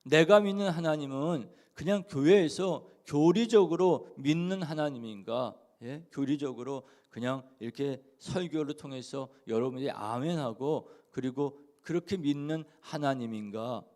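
A man preaching a dawn prayer sermon as pastor, swinging from soft asides to loud emphatic peaks and voicing the figures he quotes. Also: a little high, normal speed, few pauses. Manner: voices scripture figures in direct speech.

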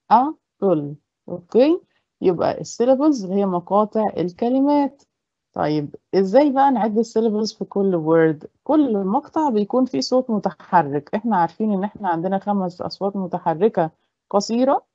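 An encouraging primary school teacher with an Egyptian accent, who explains each point in Arabic and then stretches out the English words one slow beat at a time. Her tone is mellow and relaxed, and the recording is dry and slightly dull. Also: medium pitch, dry recording. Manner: praising, encouraging. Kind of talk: classroom lesson to pupils.

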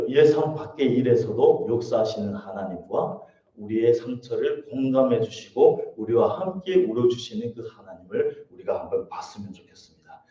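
A man preaching a dawn-service sermon, who acts out quoted lines in lively voices and drops soft and low at times. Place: church sanctuary. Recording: distant echoey church room, muffled.

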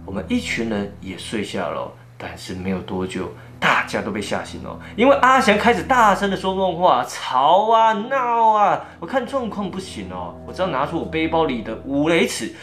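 A man with a Taiwanese Mandarin accent telling a first-person ghost story in an animated way, acting out the scenes. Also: medium pitch.

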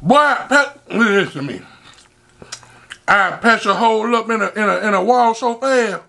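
A man with a high, gravelly voice talks casually to his viewers as the host of an eating show. His delivery is bright and lively, with big swings in pitch as he boasts and calls out to them. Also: normal speed. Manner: animated, hypes himself up, calls out to viewers. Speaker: mukbang host. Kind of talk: casual storytelling to camera while eating.

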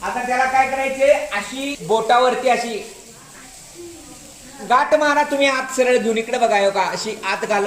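A man's voice: extremely high pitch, fairly bright tone. Man teaching a craft class, echoey room. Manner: patient, repeats instructions and keeps calling attention to the demonstration. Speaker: school teacher. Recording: roomy classroom echo.

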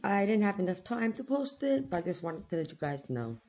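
A woman's voice: medium pitch, sing-song, fairly quick, mellow. A woman vlogging in a chatty, casual way while speaking with new dentures, laughing often as she gives an update. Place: in Athens.

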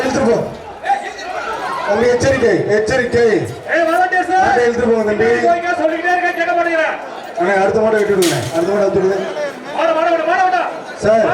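Over a loudspeaker at an outdoor bull-taming arena, a very high-pitched announcer with a Tamil Nadu accent shouts live commentary, repeating exclamations and barking orders at handlers and spectators. The open-air recording is echoey and distant, swamped by loud crowd noise.

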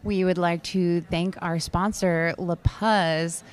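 A woman with a low voice reading a sponsor thank-you for a live broadcast. Her delivery is friendly and earnest. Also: fairly even intonation, slow, smooth. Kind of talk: sponsor acknowledgment.

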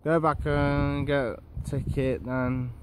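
A man's voice: on the high side, flat delivery, slow pace, background noise. A young man chatting casually as a vlogger, walking outdoors and filming on a phone held at arm's length, in a laid-back, rambling way. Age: young adult. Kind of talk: casual vlog chat. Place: outdoors in gardens and allotments.

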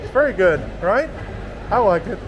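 A man's voice: high voice, lively intonation, normal speed, dull audio, a crowd in the background, background noise. A man giving casual walking-tour commentary in a market, exclaiming and marveling aloud. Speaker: travel vlogger. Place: indoor market hall.

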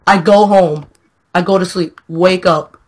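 A man's voice: high voice, fairly even intonation, a little slow. A young man in casual chat, joking and laughing as he tells a school story. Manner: joking, teasing, laughs often. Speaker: podcast co-host.

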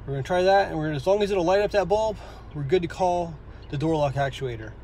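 An auto technician in his thirties walks through a repair step by step, speaking casually from inside a parked car into a phone held close. His voice is fairly high and darkish, he talks fast, and there's slight background noise.

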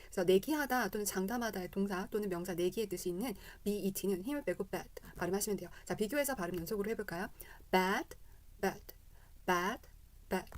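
A woman's voice: medium pitch, quick pace, few pauses, a little mellow. A woman teaching English pronunciation in a casual spoken lesson, repeating English vowel sounds as drills.

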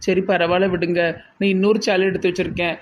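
A woman's voice: fairly low pitch, little pitch movement, fast, muffled recording, natural voice. Woman playing a muddled young wife, Tirunelveli accent. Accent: Tirunelveli Tamil. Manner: rambling, confused.

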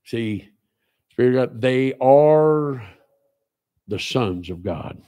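A man's voice: lively intonation, slow pace. Emphatic man in his sixties preaching. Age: 60s. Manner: emphatic preaching with repeated phrases, swinging between loud and low. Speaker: pastor. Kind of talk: sermon. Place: small church sanctuary, indoors.

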